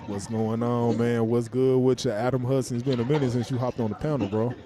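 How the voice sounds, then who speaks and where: A man's voice: mid-range voice, fairly even intonation, brisk, a crowd in the background. A man hosting a livestream call-in panel, bantering casually with slang and chuckles. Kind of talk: casual chat.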